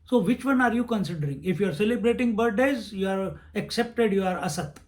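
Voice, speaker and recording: Man, high voice, scripture talk, chants verses. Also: fairly quick, darkish tone. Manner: repeats phrases, chants verses. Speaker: swami teaching scripture. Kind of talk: spiritual discourse.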